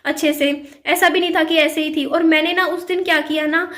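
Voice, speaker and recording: A woman's voice: very high voice, level tone, fairly quick, a bit bright. A young woman vlogger earnestly recounting personal events to her viewers, with many fillers and repeated phrases. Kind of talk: personal storytelling to camera.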